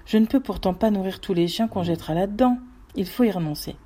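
A woman's voice: mid-range voice, fast talker, dark tone, slight background noise, natural voice. A woman voicing a stingy, sour older farm widow who speaks with indignation in a storybook reading.

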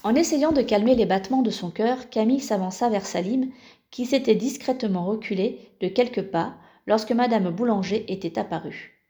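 A woman reading a children's novel aloud as narrator, in a calm, even storytelling manner. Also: fairly high pitch, moderate pace. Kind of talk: scripted audiobook narration.

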